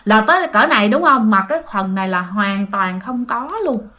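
A woman's voice: mid-range voice, normal speed, pushed and bright. Chatty woman telling ghost stories. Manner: chatty, addresses listeners directly. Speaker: storyteller. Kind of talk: casual ghost-story narration.

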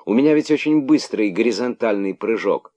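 A man's voice: lowish voice, lively intonation, fairly quick, mellow, pitched above the performer's own voice. A man voicing a young female monkey, an eager daughter who pleads with her mother.

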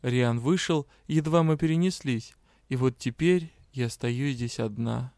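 A man narrating a fantasy audiobook with an even, clear reading. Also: mid-range voice, measured pace, no echo, clean studio sound.

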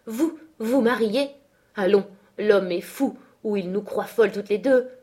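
A woman reading aloud, voicing a blunt, indignant housekeeper who scolds with loud emphasis. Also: mid-range voice, unhurried, slightly rough. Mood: scornful.

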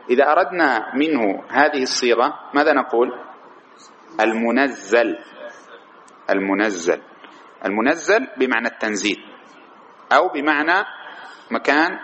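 A man gives a grammar lesson in a mid-pitched voice, often putting a question to his students and repeating their answers. He stretches key words as he explains. A faint noise hums behind him. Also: fairly bright tone, highs cut off. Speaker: teacher of Arabic morphology. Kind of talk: classroom lecture with questions to students.

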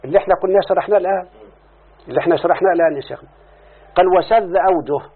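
Egyptian guy teaching grammar, kinda high voice, keeps asking the class to answer back, tinny lo-fi sound. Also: racing, breathy edge. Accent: Egyptian Arabic. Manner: repeats questions to students, stretches out key words. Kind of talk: grammar lesson. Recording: phone-like lo-fi recording.

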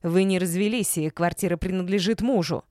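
A woman's voice: on the low side, fairly quick, dark tone, no room sound, studio quality, lightly acted. A woman voicing a spiteful, shrieking old woman, a mother-in-law, in a storybook reading. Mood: shrill, furious. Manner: shrieking, scolding.

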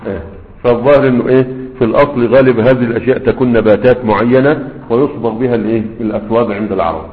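A man's voice: mid-range voice, fairly even intonation, rapid-fire. A man teaching Arabic morphology to students with an Egyptian accent, talking in a loose, conversational way and often checking that they follow. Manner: conversational teacher, frequent fillers and checks for understanding. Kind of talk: classroom lesson. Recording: echoey hall, tinny phone-like sound.

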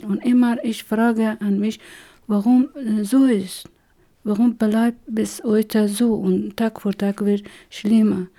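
A middle-aged Afghan woman with an Afghan accent tells her own story as an interviewee, speaking slowly and haltingly with many pauses and hesitations as she searches for words. Her mid-range voice is steady and warm.

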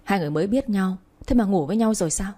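Woman reading jealous clingy young woman, pleading, demanding, warm mellow tone, romance story. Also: mid-range voice, expressive, very fast, natural voice.

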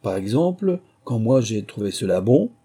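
A man's voice: lowish voice, big pitch swings, normal speed, dark tone, husky. A man voicing a smug know-it-all male duck who explains things in a lofty way.

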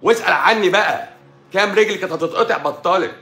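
A man's voice: high voice, quick pace, bright, forceful tone. A middle-aged man with an Egyptian Arabic accent, a doctor ranting combatively on a live stream and firing off rhetorical questions. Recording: echoey room.

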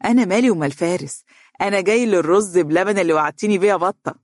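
A man's voice: sits high, steady tone, dry recording, studio quality. Narrator doing a boisterous young Egyptian man. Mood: lively. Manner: loud, joking, quick. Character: cheerful boisterous young male engineer graduate.

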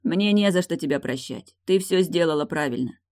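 A reader voicing a wounded man who gently reassures his crying wife in an audiobook. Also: mid-range voice, animated, normal speed, natural voice. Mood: tender. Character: wounded man, tender, consoling husband.

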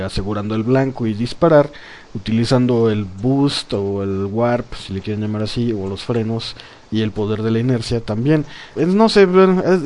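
A man hosting a podcast, chatting casually about games, animated and laughing often, with plenty of fillers. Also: mid-range voice. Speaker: podcast host. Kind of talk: casual gaming chat.

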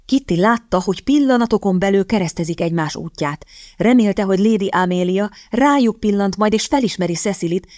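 Woman narrating in a low, dry voice. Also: no room sound. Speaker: audiobook narrator. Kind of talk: scripted narration.

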